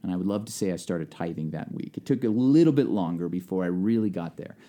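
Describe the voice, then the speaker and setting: A man, a pastor co-hosting a podcast, talking in a lively, conversational way with frequent restarts. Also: sits low, fast talker. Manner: lively, talkative, restarts and acts out quotes. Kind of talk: casual podcast chat.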